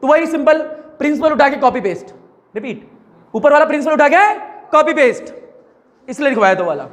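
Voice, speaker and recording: Man, physics teacher, very high voice, chatty lecture style, keeps repeating key terms. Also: expressive, brisk. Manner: chatty, repeats key words, prompts students to answer. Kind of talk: classroom lecture dictating notes.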